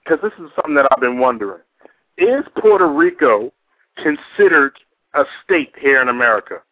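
Hosting a laid-back call-in radio show, this man uses loose slang and repeats things for emphasis. He speaks at normal speed with a medium pitch and lively intonation, with no room sound. The audio is narrow and tinny, like a phone line on radio.

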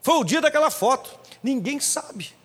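A male pastor delivers an emphatic sermon, his voice riding high and swinging widely in pitch. He acts out little quotes along the way. The church hall adds a long, trailing reverb. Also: lively intonation, moderate pace.

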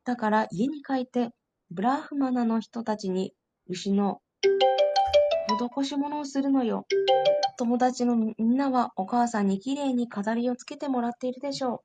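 A woman's voice: a little high, moderate pace, mellow, soft background music, natural voice. A woman reader voicing a loving, doting mother who coaxes her young son to come home, in a fond, motherly tone. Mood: scolding fondly. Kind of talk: storybook reading.

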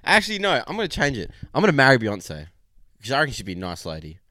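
A man's voice: mid-range voice, huge pitch swings, quick pace, pushed and bright, no room sound, clean studio sound. A man co-hosting a podcast in crude, irreverent, blokey banter, swearing constantly and using lots of slang. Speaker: podcast co-host.

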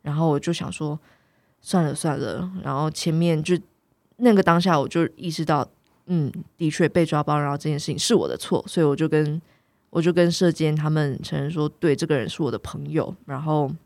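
A woman's voice: low voice, fairly even intonation, fairly quick, darkish tone, no room sound. A young woman casually telling a story on a chat podcast, acting out the people in it and laughing often.

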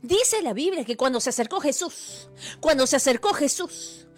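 A woman's voice: high-pitched, lively intonation, normal speed, faint music behind. A woman preacher, delivering a fervent, repetitive sermon to a livestream audience. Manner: fervent, repetitive, rising to cries.

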